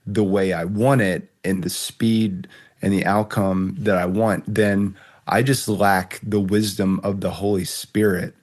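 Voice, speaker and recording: A man hosting a podcast interview, asking reflective questions in a measured way. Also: deep voice, fairly even intonation, a little mellow. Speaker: podcast host. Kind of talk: interview conversation.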